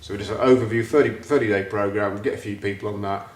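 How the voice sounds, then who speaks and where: A man, hosting a casual chat and talking about his plans in an animated, excitable way. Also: fairly low pitch, quick pace, reverberant. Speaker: host.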